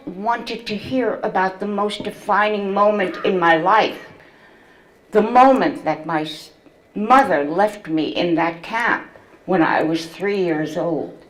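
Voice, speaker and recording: A woman in her seventies, a memoir author reading from her book and telling her story to an audience in a slow, measured way. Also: medium pitch, low-quality recording. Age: 70s.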